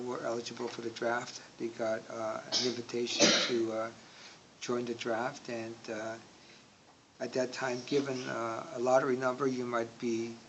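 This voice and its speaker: Gravelly older man, halting and slow. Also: mid-range voice. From Indonesia. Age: 60s. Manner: slow, hesitant, many filler words. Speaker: interviewee. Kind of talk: oral history interview. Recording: audible background noise.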